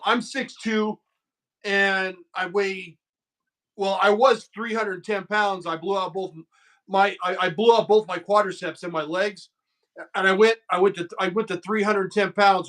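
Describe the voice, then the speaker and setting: This host, a man in his fifties with a high, somewhat bright voice, leads a casual conversation. He tells loose stories and swears freely.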